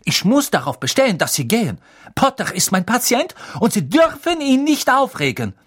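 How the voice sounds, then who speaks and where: A man voicing a stern, fussing middle-aged school nurse who scolds in a shrill, bossy way. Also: big pitch swings, normal speed, vocal fry, slightly rough, dry recording, clean studio sound, exaggerated voice. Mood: indignant.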